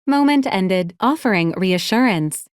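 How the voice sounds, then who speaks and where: A lightly acted performance: a woman delivers scripted video game lines as a polite, literal robot assistant, formal and detached, precise and clinical. Her mid-range voice is animated yet measured in pace. The clean studio recording has no echo.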